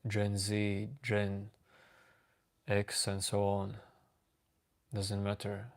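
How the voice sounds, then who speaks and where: Calm flat-voiced man with a Latvian accent. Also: on the low side. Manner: slow, calm, reading out chat names. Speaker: livestream host. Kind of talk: casual chat with live chat readers.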